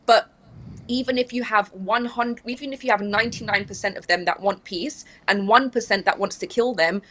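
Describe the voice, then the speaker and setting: A woman's voice: medium pitch, moderate pace, a bit bright. A young adult woman from Iran, a lawyer speaking as a guest in an interview, talking earnestly and emphatically. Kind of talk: interview conversation.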